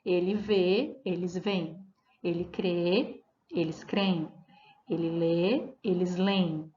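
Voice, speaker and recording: A woman teacher explaining grammar rules in a recorded lesson, reading example words slowly and checking in with her students as she goes. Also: on the low side, fairly even intonation, dark tone. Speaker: Portuguese teacher. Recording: roomy, dull lo-fi audio.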